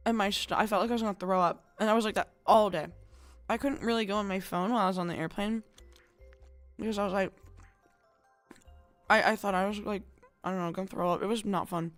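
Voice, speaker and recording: A woman's voice: mid-range voice, fairly even intonation, quick pace, pauses often, no room sound, faint music behind. Rambling young woman streamer, dry sound. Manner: rambling, chatty, lots of fillers. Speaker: VTuber streamer. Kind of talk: casual chat stream.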